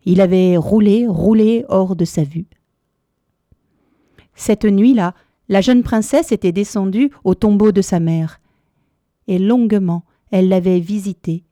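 Female storyteller, mellow and measured, lilting delivery, dry booth sound. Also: medium pitch, no echo. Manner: measured, lilting, dramatic pauses. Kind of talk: storybook narration.

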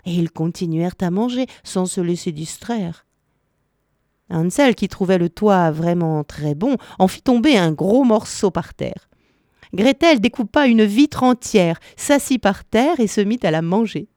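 A woman reading a fairy tale aloud in a slow, expressive storytelling manner. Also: medium pitch, no echo, studio quality.

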